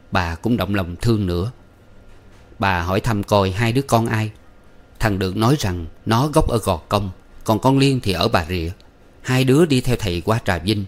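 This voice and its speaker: A man narrates an audiobook. His voice sits fairly low, and he reads in a steady, even storytelling manner.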